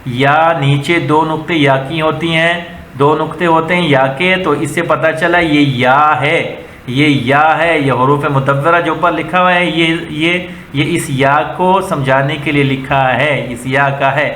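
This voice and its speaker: A man with a Pakistani accent gives a slow letter-by-letter reading lesson, patiently naming and repeating each sound. His voice is bright and fairly high. The room rings with echo, and a faint hum sits underneath. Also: steady tone. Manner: patient, repetitive, drills letters one at a time. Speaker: Quran reading teacher. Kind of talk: slow word-by-word teaching. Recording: echoey room with faint ambient noise.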